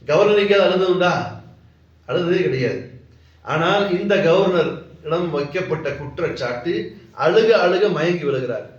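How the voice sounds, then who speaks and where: A man preaching as an imam, telling a story with lively rhetorical questions. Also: high-pitched, measured pace, pauses often. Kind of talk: sermon storytelling. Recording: echoey hall, distant mic, dull lo-fi sound.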